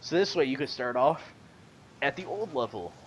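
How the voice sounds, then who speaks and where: A man's voice: medium pitch, animated, moderate pace, noisy background. A man co-hosting a casual gaming podcast, rambling and hesitant with lots of fillers. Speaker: podcast co-host.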